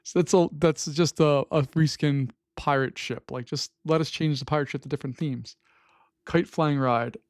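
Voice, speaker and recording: A man's voice: a little high, fairly even intonation, moderate pace, dry recording, clean studio sound. A man hosting a gameplay video, thinking aloud in casual commentary, wry and easily exasperated. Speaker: gaming host.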